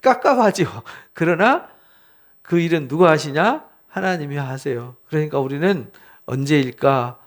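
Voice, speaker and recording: Korean pastor, animated preaching voice. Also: male voice, on the high side, unhurried. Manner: animated, asks the audience questions and answers them himself. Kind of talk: bible study sermon.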